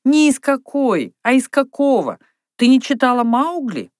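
A woman reading aloud, voicing a lively young girl who dreams of being an artist. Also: medium pitch, moderate pace, dry recording, clean studio sound, pitched above the performer's own voice. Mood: eager. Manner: eager, bright, storytelling.

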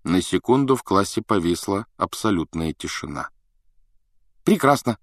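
A man with a low voice narrates a story in an even, measured manner. The recording is dry and close with no room sound. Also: dry recording. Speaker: audiobook narrator. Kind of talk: scripted narration.

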